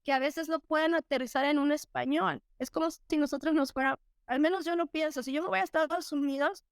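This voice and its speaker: A woman's voice: high-pitched, fairly even intonation, fairly quick, no room sound, studio quality. A Mexican woman in her thirties, a teacher and interview guest, telling stories reflectively with many fillers and restarts.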